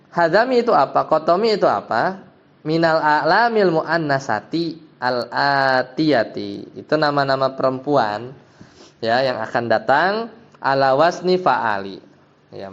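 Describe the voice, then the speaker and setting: A man, an Islamic teacher, explaining Arabic grammar to a class, patiently checking that his students follow. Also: medium pitch. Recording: dull lo-fi sound.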